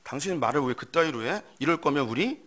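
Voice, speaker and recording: A young woman scolds her boyfriend in a short sermon skit, played by a man. Her voice is sharp and bright, and her manner is indignant and accusing throughout. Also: a little high, lively intonation, a little fast.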